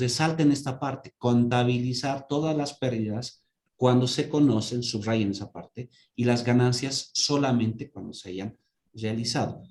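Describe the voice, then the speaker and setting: A man teaches accounting to a class, walking through everyday examples. He keeps checking that his students follow along. His voice is mellow and sits in a roomy, echoing space. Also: medium pitch. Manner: asks students for confirmation with repeated "¿sí?". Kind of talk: online class lecture.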